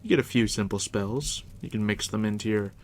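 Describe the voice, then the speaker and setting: Deep and hushed, nearly a whisper, the voice belongs to a man roleplaying a game master for a first-time player in an ASMR video. He takes his time and keeps a dry, teasing tone, with steady fire crackling behind him.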